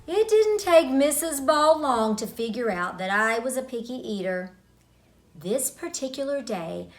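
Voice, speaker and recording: Her voice a little high, a middle-aged woman narrates a story from when she was a child to young listeners. The delivery is measured and expressive, punctuated by dramatic pauses.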